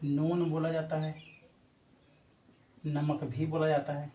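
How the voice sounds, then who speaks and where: A man's voice: on the high side, completely flat delivery, takes it slowly, dark tone. A male teacher giving an exam-prep lecture. He explains things patiently, repeats each example several times and keeps checking in with his listeners. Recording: echoey room from far off, faint noise.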